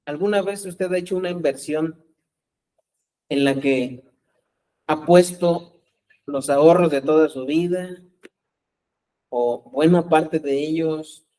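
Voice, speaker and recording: High-voiced pastor preaching conversationally. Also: male voice, slow pace, long pauses, mellow, low-quality recording. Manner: conversational, keeps asking the congregation rhetorical questions. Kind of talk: sermon.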